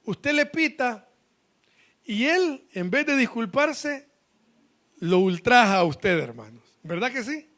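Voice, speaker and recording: A man preaching a live sermon in a high-pitched voice. He talks slowly, often stopping to ask the congregation questions. His quiet asides give way to loud, stressed readings of scripture. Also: very animated.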